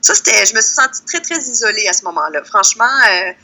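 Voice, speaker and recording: This Québécois woman, from Lac-Saint-Jean in Quebec, Canada, chats informally as an interview guest, spinning stories with lots of energy. She talks fast, in a bright, forceful, very animated mid-range voice.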